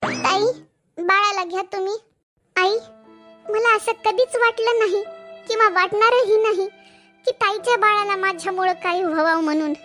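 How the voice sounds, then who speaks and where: A woman plays a kind young daughter who stands up for her sister-in-law. She speaks earnestly, in a pleading way. Her voice is very high and bright. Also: normal speed, pauses often, faint music behind. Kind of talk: Marathi village family drama acting.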